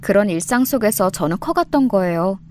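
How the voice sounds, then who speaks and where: A woman narrating a personal story in a calm, even, scripted telling. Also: mid-range voice, fairly quick.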